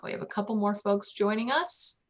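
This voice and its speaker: A woman's voice: medium pitch, normal speed. A woman hosting a video call, upbeat and welcoming as she greets arriving guests. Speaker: event host.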